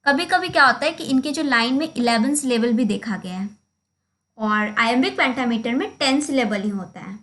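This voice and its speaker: A woman's voice: a little high, animated, moderate pace, a bit bright. A woman teaching a literature lesson, explaining a slide step by step and calling out stressed and unstressed syllables. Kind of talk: slide lecture in Hindi mixed with English.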